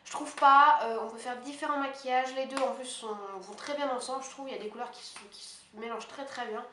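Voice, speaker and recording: Woman, beauty vlogger, fast self-mocking chatter, fairly high voice, roomy echo. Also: steady tone. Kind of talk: casual monthly favorites haul chat. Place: her apartment. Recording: echoey room with faint hiss.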